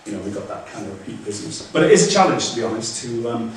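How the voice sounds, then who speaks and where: A guest speaker fields audience questions after a talk in a lecture room, his medium-pitched voice rapid-fire with lively intonation. He hesitates, restarting often and using many fillers. Captured from far off in an echoey room, the audio has a little hiss or hum.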